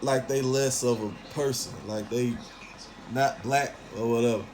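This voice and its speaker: With a medium-pitched, steady and slightly mellow voice, this Southern-accented Memphis talk host speaks unhurriedly through a casual, opinionated monologue of blunt slang and frequent swearing. Slight background noise can be heard.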